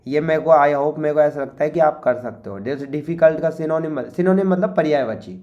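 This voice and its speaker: A man's voice: on the high side, muffled recording. Indian man talking through an exam paper. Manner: chatty, repeats "okay" often, reads English lines slowly. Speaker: teacher. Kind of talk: exam paper walkthrough lesson.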